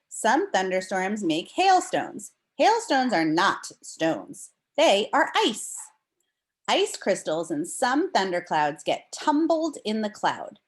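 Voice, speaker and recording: Young children listen as a woman teacher with a mid-range voice reads to them with deliberate expression and explains things in plain, simple words.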